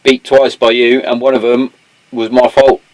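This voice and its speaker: A man's voice: medium pitch, little pitch movement, moderate pace, no room sound, poor audio. A British man hosting a podcast, chatting casually in a matey, sweary, slangy way. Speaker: podcast host. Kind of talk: casual chat.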